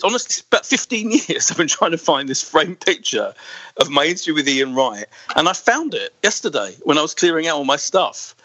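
A man's voice: fairly high pitch, pushed and bright, no echo, rough recording. A man in his forties hosting a podcast, talking enthusiastically and stumbling over his words in casual chat. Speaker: podcast host.

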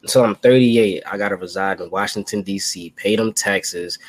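A man in his twenties talks in a lowish voice that sounds close and dry. He chats on a podcast in a slangy, lively way and keeps throwing in "yo". His delivery is casual and emphatic. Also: normal speed, no room sound. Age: 20s. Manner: slangy, animated, keeps saying "yo" and "you know what I'm saying". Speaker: podcast co-host. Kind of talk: casual chat.

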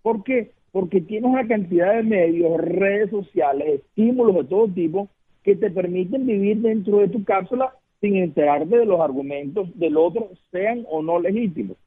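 A slightly rough, high-sitting male voice at normal speed comes through a muffled phone line. He is a Venezuelan political consultant with a Venezuelan Spanish accent, speaking earnestly as a guest in a phoned-in radio interview, repeating words and posing rhetorical questions.

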